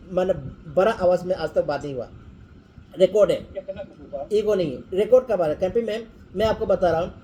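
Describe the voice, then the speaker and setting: High-voiced man giving a motivational talk. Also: mellow, a little hiss or hum, low-quality recording. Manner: repetitive, mixing Hindi and English, earnest. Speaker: business team leader.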